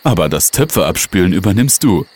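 A man's voice: sits low, sing-song, fairly quick, darkish tone. A man voicing a cocky, grumbling young boy in a read-aloud storybook, sounding boastful. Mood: teasing. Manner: boastful, grumpy.

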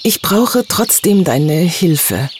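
A man's voice: sits high, sing-song, a little slow, a little hiss or hum, voice pushed up. A man voicing a cheeky, proud little female fairy hunter who talks back in a snappy, boastful way. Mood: reluctant.

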